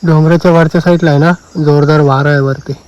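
A man with a Marathi Konkan accent, chatting casually to viewers during a night camping vlog in the forest, repeating phrases and often speaking low. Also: fairly even intonation, quick pace, darkish tone, no room sound, muffled recording. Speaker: camping vlogger. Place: outdoors at night in a forest by a river.

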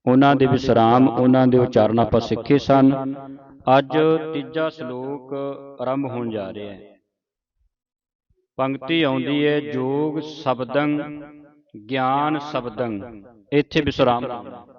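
A man teaching children to recite scripture. He spells words out letter by letter, reads the verse lines slowly and has the pupils repeat them. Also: mid-range voice, steady tone, lo-fi sound, a crowd in the background.

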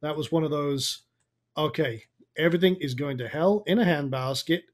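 A man gives a casual on-screen tutorial in a raspy, tired voice. He talks informally, muttering his way through each step as an online marketing coach would. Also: on the high side, moderate pace. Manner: informal, thinking aloud.

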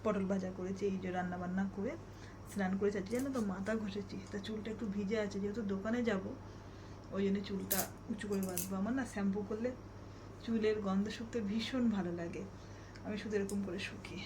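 A woman's voice: mid-range voice, fairly even intonation, quick pace. A woman chatting casually to her viewers about her day at home. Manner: rambling homely chat addressed to viewers; speaks softly so a sleeping child won't wake. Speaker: vlogger. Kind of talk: casual chatty daily vlog. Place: home, indoors. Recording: noisy home phone recording.

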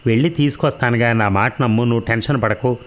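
A man's voice: mid-range voice, fast talker, lightly acted. A man reading an audiobook, voicing a worried father who reassures his wife. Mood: reassuring. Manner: soothing, reassuring.

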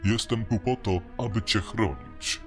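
A man voicing a towering security robot in a rough, metallic robot voice, speaking in flat, formal machine statements. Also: on the low side, a little slow, faint music behind. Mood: cold, formal. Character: towering male security robot, cold and dutiful. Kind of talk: audiobook narration.

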